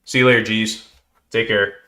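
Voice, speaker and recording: This man's voice is fairly low and level, delivered at a moderate pace with a bright, forceful tone. As host of a casual livestream, he chats and mutters to himself with little exclamations while working through cards.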